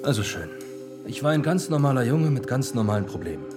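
A man's voice: mid-range voice, sing-song, fast, music in the background, lightly acted. An actor playing a grown-up Harry Potter as a mild, placating family man in a radio play. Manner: mild, placating, slightly weary.

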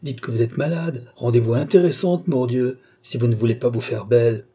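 A man voicing an irascible aging nobleman scolding his daughter in an exasperated, sharp manner. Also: medium pitch, fairly quick, breathy edge, natural voice. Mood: grumbling.

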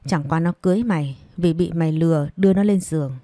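A woman's voice: sits low, quick pace, dark tone, no room sound, clean studio sound, lightly acted. A woman voicing a spiteful, scheming middle-aged mistress who taunts and sneers. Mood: sneering.

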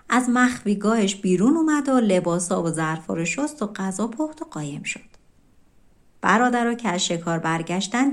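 A woman narrating an audiobook of folk tales in a calm, colloquial storytelling manner. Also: mid-range voice.

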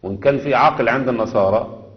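A man's voice: medium pitch, racing. A man with an Egyptian accent giving a religious lesson, stressing points and asking rhetorical questions. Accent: Egyptian Arabic. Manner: emphatic, asks rhetorical questions. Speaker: religious teacher. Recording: dull echoey hall recording.

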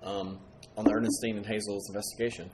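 A man's voice: on the low side, little pitch movement, quick pace, very noisy. A man hosting a casual paranormal investigation talk show, rambling and chatty, often correcting himself. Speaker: paranormal podcast host. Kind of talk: casual chat.

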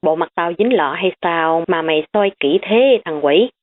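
A woman's voice: lowish voice, animated, a little slow. A woman voicing a carefree, joking young man from a wealthy family. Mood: glum. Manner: breezy, joking. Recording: tinny phone-like recording.

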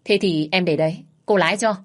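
A woman voicing a lively, headstrong young daughter who speaks eagerly. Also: fairly low pitch, fairly quick, natural voice. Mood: urgent. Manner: eager, pleading.

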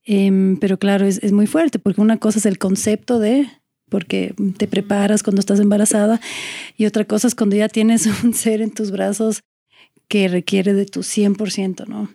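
A woman's voice: medium pitch, little pitch movement, normal speed, vocal fry, dark tone. A woman in her forties, an actress speaking as a podcast guest, earnest and reflective as she talks in long, searching sentences. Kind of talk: candid conversational interview.

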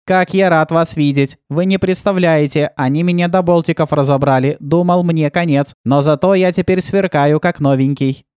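A reader voicing a proud, pompous male robot guide who talks slowly and self-importantly, in an audiobook. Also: medium pitch, steady tone, a little mellow, clean tone, no echo, clean studio sound, voice pushed up, lightly acted. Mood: boastful. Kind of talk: audiobook role-play.

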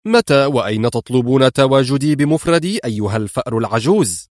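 A man's voice: medium pitch, expressive, quick pace, a little mellow, dry recording, clean studio sound, natural voice. A man reading an audiobook and voicing a cool, sarcastic adult male hero.

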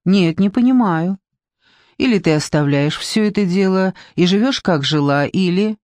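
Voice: mid-range voice, expressive, a little mellow, no echo, lightly acted. A reader doing a blunt, breezy woman friend. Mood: brisk, teasing. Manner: brisk and teasing. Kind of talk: audiobook reading.

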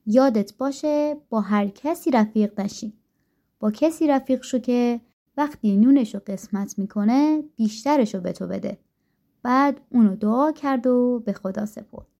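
A woman narrating a folk tale in a calm, gentle storytelling manner. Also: fairly high pitch. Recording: dull lo-fi recording.

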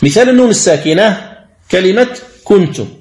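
Guy explaining recitation rules slow and careful, stretches out examples, roomy echo. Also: high-pitched, expressive, a little mellow. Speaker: Quran recitation teacher. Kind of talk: tajwid lesson commentary.

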